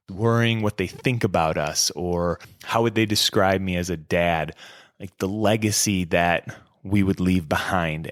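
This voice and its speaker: Candid low-voiced male podcast host. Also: fairly bright tone, no room sound, clean studio sound. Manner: candid, reflective, conversational. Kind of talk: casual solo podcast talk.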